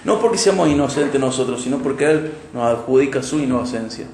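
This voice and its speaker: Emphatic Argentine pastor preaching, echoey hall. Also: male voice, mid-range voice, expressive, fairly quick, a little hiss or hum. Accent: Argentine Spanish. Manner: emphatic, with sudden loud peaks and soft drops. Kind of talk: expository sermon. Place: church hall.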